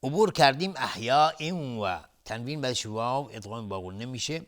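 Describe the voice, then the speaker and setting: A man's voice: mid-range voice, animated. A man teaching Quran recitation rules on television, explaining methodically and repeating sounds as drills. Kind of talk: tajweed lesson explanation. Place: television studio.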